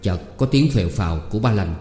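A man reading a short story aloud in a steady, measured way. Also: on the low side. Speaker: narrator. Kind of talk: audiobook narration. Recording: roomy reverb with faint music.

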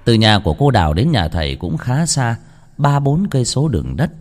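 A man reading a ghost story aloud in a dramatic, expressive way. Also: medium pitch, moderate pace. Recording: long reverb.

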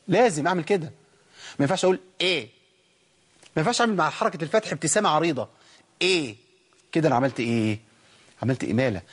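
A fairly high-voiced Egyptian man gives a recitation lesson at a brisk clip, throwing out rhetorical questions and drawing out sung example syllables. His voice is husky. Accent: Egyptian Arabic. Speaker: Quran recitation teacher. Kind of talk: colloquial tajweed lesson with recited demonstrations.

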